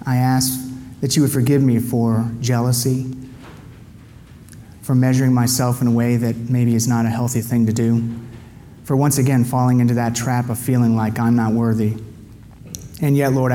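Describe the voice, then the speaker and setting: A man's voice: medium pitch, warm tone. A man giving a candid, confessional personal testimony and prayer as a guest speaker at a men's gathering. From United States. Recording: long hall reverb, faint background noise.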